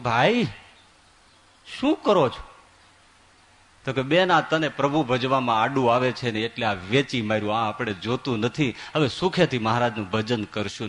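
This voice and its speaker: A man giving a sermon as a swami, telling stories with voiced quotes and swinging from loud to soft. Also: mid-range voice, slight background noise. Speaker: swami preacher.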